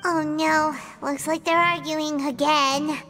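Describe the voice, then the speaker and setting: A woman voicing a tiny, cheerful, childlike fairy companion in a video game, chirpy and eager, with a squeaky voice. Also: fairly even intonation, slow pace, sharp tone, full character voice. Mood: curious, concerned. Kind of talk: video game character acting. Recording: music playing behind the voice.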